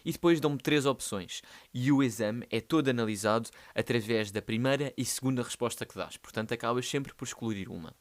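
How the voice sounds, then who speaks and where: A man's voice: mid-range voice, a little fast. Young portuguese dude rambling on his podcast, slangy and jokey. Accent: European Portuguese. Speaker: podcast host. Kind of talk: casual solo podcast monologue.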